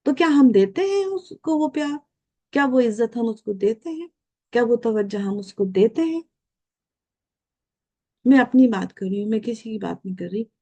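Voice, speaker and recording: Earnest older woman, warm mellow voice. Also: a little high, lively intonation, moderate pace, pauses often. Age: 50s. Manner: earnest, asks the viewers questions directly; mixes English phrases into her speech. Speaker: guest speaker. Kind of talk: reflective motivational talk.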